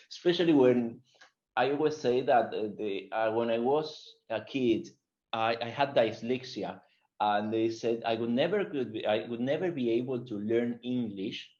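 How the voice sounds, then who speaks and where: A man with a strong Spanish accent presents a webinar as its guest speaker. He talks in an animated way, with many fillers and restarts, at a middling pitch. The sound is dull and lo-fi, like an online call.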